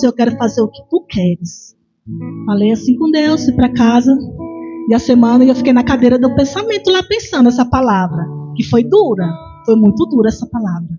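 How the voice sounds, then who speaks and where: A woman's voice: sits high, warm tone. A woman with a Brazilian Portuguese accent preaching a sermon in a church chapel, sharing personal testimony in a conversational way and often adding "né" tags. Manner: conversational, frequent "né" tag questions. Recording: muffled lo-fi sound, faint instrument behind.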